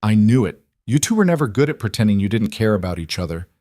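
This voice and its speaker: A man voicing a sharp, blunt female investor who speaks in a knowing, wry way. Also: fairly low pitch, very animated, quick pace, no room sound, studio quality.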